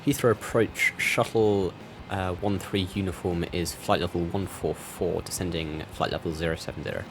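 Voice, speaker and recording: Over loud music, a deep-voiced man who hosts flight sim tutorials performs pilot readbacks of ATC radio calls. He sounds clipped and procedural, as if on a cockpit headset, keeping a moderate pace and fairly even intonation.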